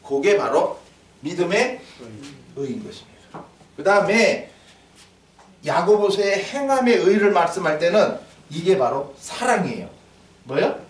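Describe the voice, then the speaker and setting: A man preaching a sermon in church, animated, acting out little dialogues and quizzing his congregation. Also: high-pitched, unhurried, pauses often, a little hiss or hum. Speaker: pastor. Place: church sanctuary. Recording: echoey hall, mic from a distance.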